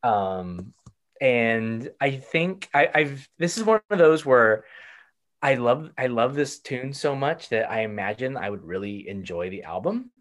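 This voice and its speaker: A man's voice: medium pitch, lively intonation, a little slow. A man with a Texan accent, co-hosting a casual podcast chat and rambling with lots of fillers and restarts. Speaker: podcast co-host.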